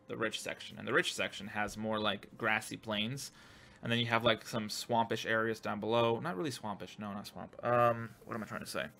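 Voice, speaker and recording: Guy ranting casually on his gaming channel, bright voice, lots of ums and cursing. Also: mid-range voice. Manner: rambling, profane, many fillers and restarts. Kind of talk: casual opinion monologue.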